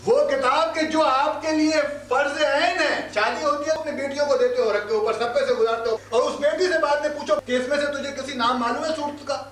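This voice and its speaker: A man's voice: extremely high pitch, steady tone, hardly any pauses, a bit bright. Pakistani guy giving a quran lecture, scolds w rhetorical questions, echoey room, faint hiss. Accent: Pakistani Urdu. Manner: recites Arabic verses then explains them in Urdu. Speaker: Quran teacher. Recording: echoey hall, distant mic, faint hiss.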